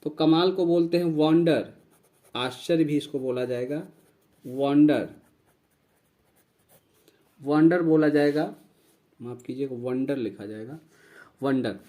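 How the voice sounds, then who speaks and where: Guy teaching english words, kinda high voice, repeats and spells everything. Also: mellow. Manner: slow, repeats each word and spells it out. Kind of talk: vocabulary lesson.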